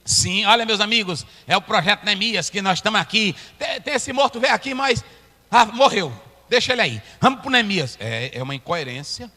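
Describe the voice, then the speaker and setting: A man preaching a sermon as a pastor, breaking into loud shouted climaxes. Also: high-pitched. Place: church hall. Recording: echoey church hall, long reverb.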